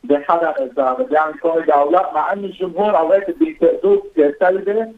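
A man speaks with a Lebanese Levantine Arabic accent in a slightly high-pitched voice. He talks quickly and casually like an interview guest, repeating himself and mixing in English words. The sound is thin and band-limited, like a phone on the radio. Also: fairly even intonation, narrow, tinny audio. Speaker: comedian and actor, interview guest.

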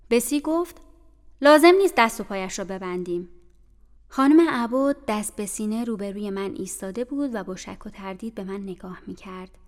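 A woman narrating an audiobook in a measured, literary reading style. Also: mid-range voice, a little mellow. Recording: reverberant room with faint music.

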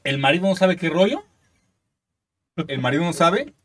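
A man's voice: a little high, very animated, moderate pace, a bit bright. A young Mexican man co-hosting a casual podcast, teasing and telling corny jokes. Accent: Mexican Spanish. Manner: teasing, tells bad jokes. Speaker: podcast co-host.

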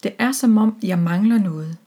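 A woman voicing a lonely, kind-hearted male eagle who is mayor of a small town, read gently in a storybook. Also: medium pitch, husky. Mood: wistful.

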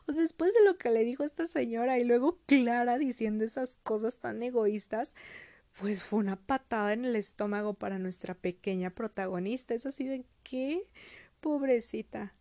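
A woman's voice: fairly high pitch, unhurried, no echo. Chatty woman. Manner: chatty, expressive, many fillers. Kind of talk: casual storytelling, retelling a cartoon.

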